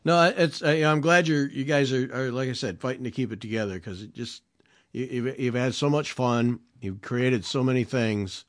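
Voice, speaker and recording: A man hosting a casual interview, talking in a relaxed, halting way with frequent restarts. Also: medium pitch, dry recording, clean studio sound.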